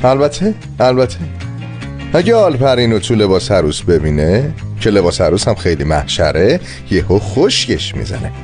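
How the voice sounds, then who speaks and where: An animated, exasperated young man. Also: lowish voice, faint music behind. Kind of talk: dubbed drama dialogue.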